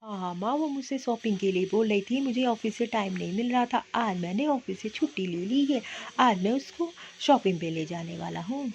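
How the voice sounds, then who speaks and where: Woman voicing a calm young husband, reasonable, dull lo-fi audio, faint hiss. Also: medium pitch, a little fast, hardly any pauses, close to an everyday voice. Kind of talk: cartoon voice acting.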